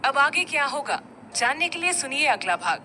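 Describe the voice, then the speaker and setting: Woman reading a love story out loud, expressive, kinda high and bright. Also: normal speed, slight background noise, low-quality recording. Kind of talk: dramatic storybook narration.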